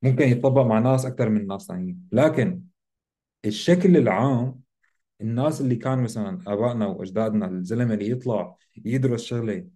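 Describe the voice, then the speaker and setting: A man's voice: mid-range voice, quick pace, dark tone. A man with a Levantine Arabic accent explains ideas in casual discussion as a co-host, often checking in with short tag questions.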